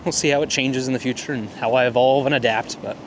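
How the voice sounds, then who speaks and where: A man's voice: mid-range voice, steady tone, fast. Laid-back, self-deprecating male photographer vlogging mid-walk; heavy wind hitting the mic outdoors. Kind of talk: casual walk-and-talk vlog. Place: outdoors on a cold, windy morning walk.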